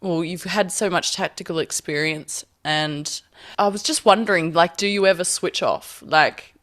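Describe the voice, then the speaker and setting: A woman's voice: on the low side, moderate pace, a bit bright. A woman chatting casually as an interviewer, informal and agreeable in the way she talks. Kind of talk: casual chat.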